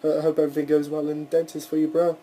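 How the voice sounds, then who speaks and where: A man's voice: on the high side, monotone, rapid-fire, mellow, low-quality recording. A young man hosting a casual solo podcast, rambling through his thoughts with frequent restarts and the odd swear word. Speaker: podcast host.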